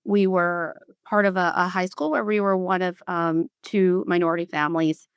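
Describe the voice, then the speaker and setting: Smooth-voiced Southern US woman, reflective. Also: on the low side, fairly even intonation, no room sound. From South Carolina, US. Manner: reflective, measured, with frequent restarts. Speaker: guest executive. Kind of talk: podcast interview.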